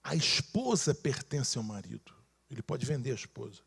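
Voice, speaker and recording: A man's voice: mid-range voice, normal speed, vocal fry, slightly rough. A man with a Brazilian Portuguese accent, a bishop preaching a sermon and telling stories, acting out the people in them with many restarts. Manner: animated storyteller, acts out quoted voices, frequent restarts. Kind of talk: sermon storytelling.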